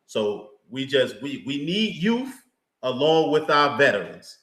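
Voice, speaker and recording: A man's voice: medium pitch, big pitch swings, measured pace, a bit bright. A man co-hosting a live sports talk show, chatting in a laid-back, slangy way as a fan. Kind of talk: casual live sports chat. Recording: roomy echo.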